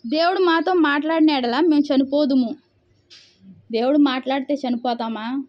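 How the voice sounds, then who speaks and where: Her voice sits high and her pace is moderate as this woman preacher reads the Bible aloud and expounds on it. She works through rhetorical questions she answers on her own, captured in lo-fi sound.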